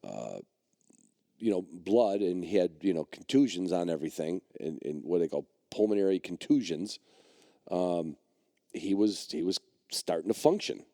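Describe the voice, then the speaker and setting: A man's voice: sits low, animated, moderate pace, gravelly, dark tone, no echo, studio quality. A middle-aged man hosting a podcast, telling a personal story in a rambling way, full of fillers and restarts. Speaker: podcast host and dog trainer.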